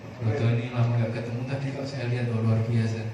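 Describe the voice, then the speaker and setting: A male pastor preaching a sermon, animated and calling on the congregation to answer together. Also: mid-range voice, quick pace. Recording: echoey room, far from the mic, clear noise.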